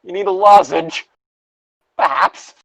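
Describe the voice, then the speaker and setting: High-pitched, gravelly and a bit bright, this man speaks slowly on a rough recording with no room sound. He co-hosts a comic read-aloud of video game creepypastas, bantering casually and swearing with mock indignation.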